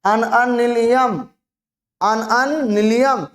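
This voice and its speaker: A teacher giving an online chemistry lesson to students, asking questions and answering them, repeating each term slowly. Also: medium pitch, fairly even intonation.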